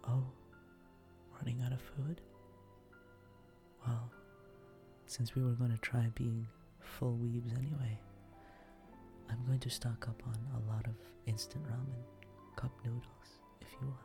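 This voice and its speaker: A man whispering softly in an intimate, affectionate boyfriend roleplay for ASMR. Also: mid-range voice, little pitch movement, unhurried, pauses often, music in the background.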